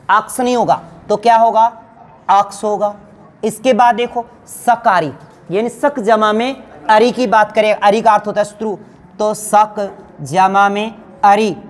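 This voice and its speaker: A woman teacher giving a grammar lesson to exam students, asking questions and answering them herself. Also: medium pitch. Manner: addresses students fondly as children.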